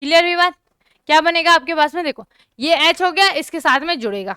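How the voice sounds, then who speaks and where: High, bright-voiced woman teaching chemistry. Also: expressive, fairly quick, no echo, clean studio sound. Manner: repeatedly checks understanding, asks students to comment. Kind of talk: online class lesson.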